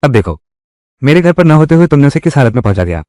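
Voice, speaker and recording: A man's voice: fairly high pitch, big pitch swings, quick pace, a little mellow, no echo, clean studio sound. A man voicing a stern young husband who stands up for his wife, in a firm, reproachful manner in dubbed drama dialogue.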